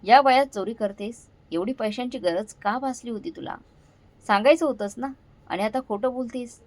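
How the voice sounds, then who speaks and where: A woman's voice: on the high side, normal speed, darkish tone, close to an everyday voice. Woman doing an angry, accusing grown son. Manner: scolding, interrogating.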